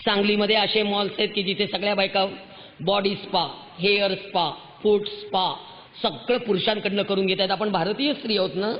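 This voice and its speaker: A woman's voice: medium pitch, fairly even intonation, normal speed, slight background noise. A woman giving an impassioned, scolding lecture to a crowd of women, firing off rhetorical questions. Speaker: public speaker addressing women. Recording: muffled sound with long hall reverb.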